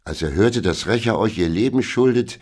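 A man's voice: lowish voice, lively intonation, normal speed, a little mellow, voice pushed up. A man voicing an eager old female servant who pleads urgently, in a storybook reading. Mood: pleading. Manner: urgent, imploring.

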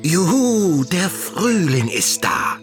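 An excitable little frog from a children's audiobook, squeaky and jumpy, his voice leaping far above a grown man's, as the narrator puts him on. He swings widely up and down and never sits still. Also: slow pace, over music, exaggerated voice. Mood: joyful. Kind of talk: audiobook character voice.

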